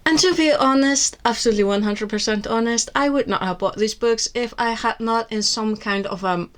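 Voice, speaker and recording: An Icelandic woman, whose native language is Icelandic and who speaks with an Icelandic accent, reviews books candidly on her vlog while sitting indoors with books on her lap. Her voice sits on the high side at a normal pace, and her delivery is wry and rambling, with plenty of restarts.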